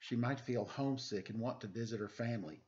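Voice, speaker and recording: Talking fast in a mid-range, slightly mellow voice, the storytime host in his forties reads a picture book at home and adds playful, chatty asides. Dull, lo-fi webcam sound captures him.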